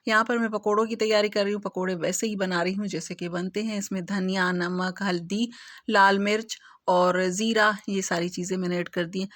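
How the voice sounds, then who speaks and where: A woman's voice: medium pitch, steady tone, a little fast, a bit bright, no room sound, studio quality. A middle-aged woman, chatting casually to viewers in a home vlog while she cooks and tidies. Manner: chatty, homely, talks to viewers while working. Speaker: home vlogger.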